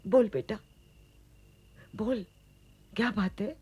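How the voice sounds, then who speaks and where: A woman's voice: mid-range voice, expressive, a little slow, dark tone, slightly rough. A woman playing a caring, motherly aunt who speaks tenderly to her niece. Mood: gentle. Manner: pleading, tender. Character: caring middle-aged aunt, emotional, motherly. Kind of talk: Hindi TV serial acting.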